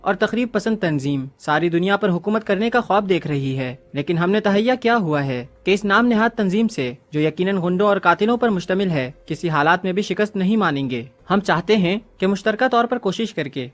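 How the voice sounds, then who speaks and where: A man's voice: sits high, animated, brisk, hardly any pauses. A man reading the lines of a dignified male chairman who gives a formal opening speech. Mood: solemn.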